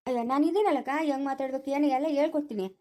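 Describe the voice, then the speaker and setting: A young woman rattles off her lines quickly in a high, bright voice, with a rural Chikkaballapur Kannada accent. She plays a village comedy skit, coaxing and consoling the others in long, chatty runs. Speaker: family skit performer.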